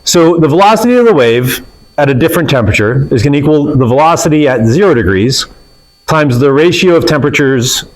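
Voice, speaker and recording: A man's voice: fairly high pitch, lively intonation, brisk, low-quality recording. A man teaching a physics class in a classroom, explaining in a casual way with fillers and self-corrections. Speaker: physics instructor. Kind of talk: classroom lecture.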